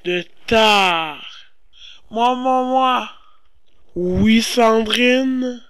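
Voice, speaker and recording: A woman asking riddles on a school radio quiz, slow and deliberate. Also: a little high, clean tone, no room sound, studio quality.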